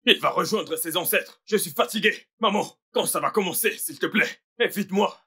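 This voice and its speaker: This is a boastful, hotheaded young fashion designer who rants about revenge. His voice is high, bright and husky. It comes from a French dub of a family drama. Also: moderate pace, full character voice. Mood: ranting. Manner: boastful, ranting threats.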